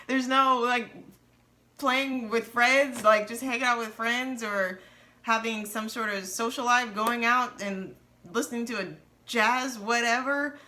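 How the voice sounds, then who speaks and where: Her voice is fairly high, steady, and sharp, and she takes her time. A co-host of a personal finance channel in her thirties, she discusses money and marriage casually yet earnestly and candidly, laughing nervously now and then.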